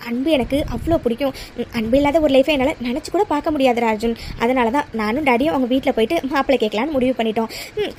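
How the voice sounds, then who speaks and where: Woman doing a bold, fast-talking young woman doctor. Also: high-pitched, a little hiss or hum, pitched below the performer's own voice. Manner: bold, assured, chatty. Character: confident young woman doctor set on marriage. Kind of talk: animated cartoon story dialogue.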